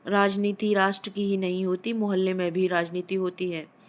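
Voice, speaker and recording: A woman storyteller reading a Hindi short story aloud in a measured, expressive narration. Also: mid-range voice.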